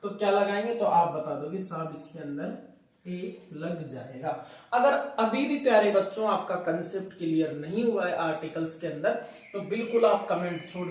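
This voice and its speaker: This classroom grammar lesson features a man with a high, slightly mellow voice who calls his audience dear children and supplies answers to the questions he poses. The recording is very echoey, with the speaker sounding distant.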